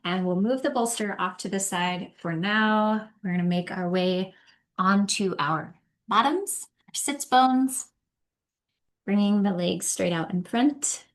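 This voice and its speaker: A woman leads a yin yoga class as the teacher. She gives instructions in a gentle, soothing way and takes her time between cues. Her voice sits at a medium pitch. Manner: gentle, soothing, unhurried guidance.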